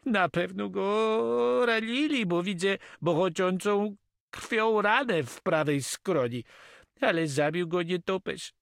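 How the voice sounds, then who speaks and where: A man voicing an emotional Catalan sailor who cries out in a high, strained, drawn-out voice. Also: vocal fry, a bit bright, no echo, studio quality, heavily acted. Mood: grieving, shouting.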